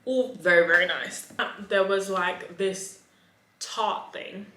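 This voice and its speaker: In an echoey, roomy recording with a faint hiss or hum, a woman gives a casual, chatty restaurant review. Her mid-range voice is slow, pushed and bright, and she plays it campy and theatrical, hitting key words with exaggerated emphasis.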